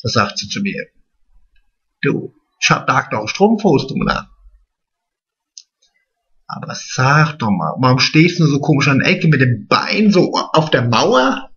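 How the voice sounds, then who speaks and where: A man puts on a vain, naive middle-aged woman, gossiping straight to the camera. Her voice is bright and swoops up and down, and she draws her words out slowly. The sound is dull and lo-fi, like a home video. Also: medium pitch, big pitch swings. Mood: gossipy. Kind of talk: drag comedy monologue to camera.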